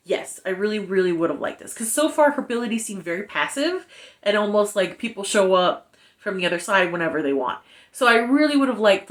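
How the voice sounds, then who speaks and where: A young adult woman giving a casual book review, retelling the story in an animated, chatty way full of fillers. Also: mid-range voice.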